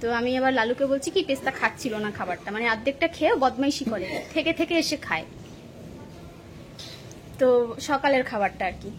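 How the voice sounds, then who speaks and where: Brief: woman vlogger, high voice, chatty homey storyteller, faint room hum. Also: lively intonation, moderate pace, long pauses. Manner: chatty, storytelling, laughing often. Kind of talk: casual chat to viewers while cooking. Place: home kitchen.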